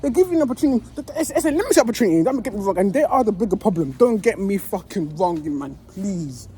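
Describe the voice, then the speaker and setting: A woman delivers an angry fan rant, cursing and repeating herself as she builds her case. Her pitch swings widely from low grumbles to sharp peaks, over a faint hum of background noise. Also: expressive, fast talker. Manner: heated, swearing, repeats herself. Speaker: football fan.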